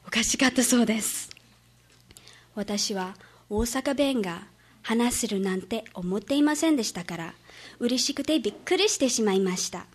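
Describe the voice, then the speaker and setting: Slightly high-voiced woman reciting a speech. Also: expressive, normal speed, breathy edge. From Hawaii. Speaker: student speaker.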